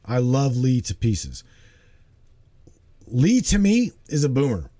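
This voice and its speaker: A man's voice: medium pitch, wildly swooping pitch, slow pace, mellow. A man in his forties hosting a casual livestream chat, talking animatedly and emphatically, repeating himself and checking in with "okay?". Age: 40s. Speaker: host.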